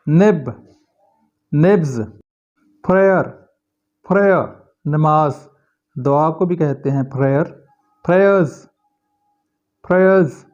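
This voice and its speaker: A man with a Pakistani accent leads a slow vocabulary drill, saying each word slowly and carefully more than once. His voice is a little high but dark and mellow. The recording is dull and lo-fi. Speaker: English teacher.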